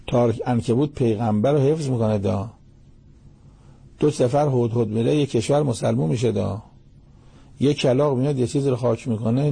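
Gravelly older man giving Quran commentary. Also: mid-range voice, dark tone. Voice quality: gravelly, husky voice. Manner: recites Arabic verses then explains in colloquial Persian. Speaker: Quran teacher. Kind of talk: sermon-style Quran commentary.

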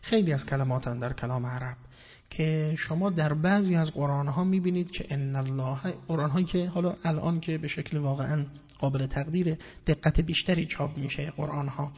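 A man giving a formal, explanatory religious lecture and quoting Arabic verses. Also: fairly high pitch. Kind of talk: religious lecture on Quranic wording. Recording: dull lo-fi recording with long hall reverb.

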